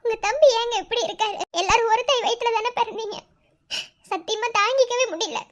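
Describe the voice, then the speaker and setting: A woman voicing a tearful, squeaky young cartoon wife. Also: a little fast, fairly bright tone. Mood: upset. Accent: Madurai Tamil. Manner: tearful, indignant, sighing. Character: young wife upset over a family split.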